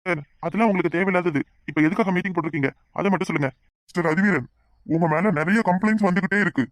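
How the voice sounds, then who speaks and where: A man voicing a stern businessman partner in a cartoon, questioning briskly and demanding answers. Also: sits high, no echo, close to an everyday voice.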